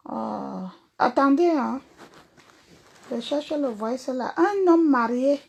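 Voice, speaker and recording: Cameroonian French woman, performer, blunt confrontational livestream talker; high, husky voice. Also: lively intonation, slow, a little mellow. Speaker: singer and performer. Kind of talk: livestream rant to viewers.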